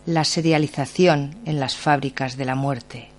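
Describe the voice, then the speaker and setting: A male radio host reciting poetry in a grave, measured, deliberate reading in a radio studio. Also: medium pitch, steady tone. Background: faint music underneath.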